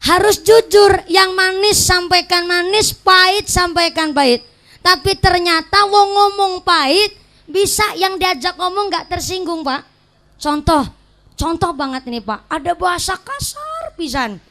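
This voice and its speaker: A woman preacher with a Banyumasan ngapak accent, giving a humorous sermon to a congregation and telling lively stories. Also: very high voice, measured pace. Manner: lively storytelling, mimics voices and mixes local dialects for jokes. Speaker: female Islamic preacher.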